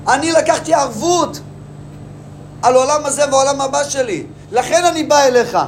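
A man's voice: very high voice, slight background noise, pitched above the performer's own voice. A man voicing Judah, a proud, indignant brother who pleads earnestly and insistently.

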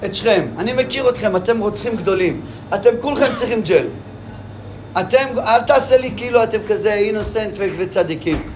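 A man's voice: high-pitched, a little hiss or hum, natural voice. A man voicing Joseph, a mocking, all-knowing ruler of Egypt who needles with question after question. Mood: taunting.

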